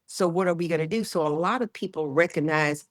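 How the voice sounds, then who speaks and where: A woman in her sixties, a health educator talking as a guest in an interview, emphatic and lively, often acting out what people say. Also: low voice, a little fast, no room sound, studio quality. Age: 60s. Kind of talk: casual interview chat.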